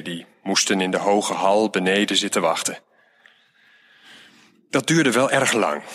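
A man reading a children's story aloud in a lively, plainspoken way. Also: lowish voice.

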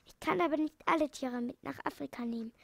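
A woman's voice: high-pitched, quick pace, vocal fry, no echo. A woman reading as a kind old animal doctor. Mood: kindly.

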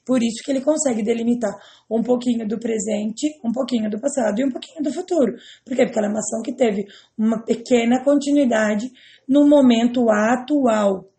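A woman's voice: on the high side, a little fast, dark tone. A woman with a Brazilian Portuguese accent, teaching English grammar patiently and step by step, often checking in with her students.

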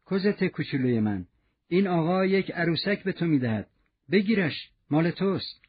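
A man's voice: high voice, expressive, husky, muffled recording. A man reading as a harsh, spiteful innkeeper's wife. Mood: falsely sweet. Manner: scolding, then sugary forced sweetness.

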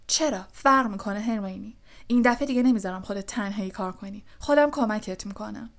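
A woman's voice: medium pitch, close to an everyday voice. A woman voicing an eager, loyal teenage boy wizard in an audiobook. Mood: resolute. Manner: eager, resolute. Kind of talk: audiobook character voice.

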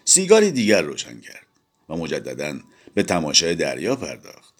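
A man with a deep, low voice narrates a novel aloud. His delivery rises and falls with lively, expressive storytelling. He reads steadily for the listener. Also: slightly rough. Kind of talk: audiobook narration.

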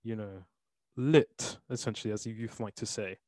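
A man hosting a podcast, chatting playfully with mock-formal lines and excited storytelling. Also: on the low side, moderate pace, no echo. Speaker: podcast host. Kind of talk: casual chat.

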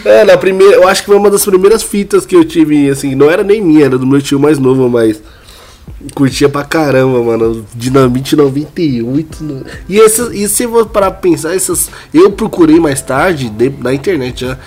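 A man's voice: a little high, expressive, fairly quick, a little mellow, soft background music. A man with a Brazilian Portuguese accent in a casual chat, talking informally with slang and some swearing.

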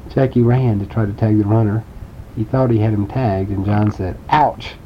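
A man's voice: fairly even intonation, moderate pace. A man telling a playful made-up bedtime story, adding sound effects and asking the listener questions. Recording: dull lo-fi home recording with faint rumble.

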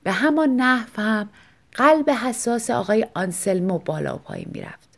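A woman reads a short story aloud in a measured, expressive narration. Her voice sits fairly high. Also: vocal fry. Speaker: audiobook narrator.

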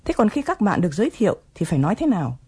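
A woman's voice: medium pitch, very animated, very fast, mellow, breathy edge. A woman presenting an English lesson, explaining phrases patiently and coaxing learners to repeat them.

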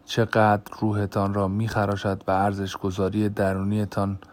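A man narrating an audiobook in a measured, grave reading voice. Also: lowish voice, monotone, a little mellow.

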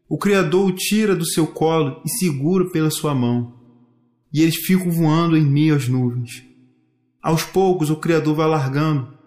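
Man reading a storybook slowly. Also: fairly high pitch, a little mellow. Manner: slow, deliberate storytelling with repetitions. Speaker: narrator. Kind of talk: storybook narration. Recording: echoey room.

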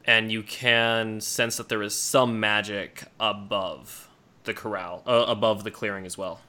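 A man runs a tabletop game, describing scenes haltingly as he improvises. His voice is fairly low, bright and smooth. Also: steady tone. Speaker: game master.

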